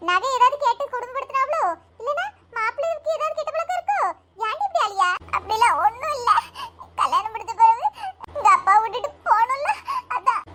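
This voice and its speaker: A woman doing very high, bright chattering village women. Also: a little hiss or hum. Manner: chatty, teasing, quick. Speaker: comedy channel performer. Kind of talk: comedy skit acting.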